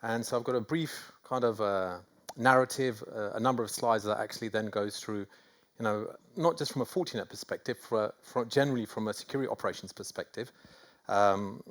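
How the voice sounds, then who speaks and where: A man's voice: on the low side, fairly quick. A middle-aged man with a North London accent giving a conference talk, self-deprecating and rambling with many fillers and restarts. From England. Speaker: conference speaker. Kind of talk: conference presentation. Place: conference hall.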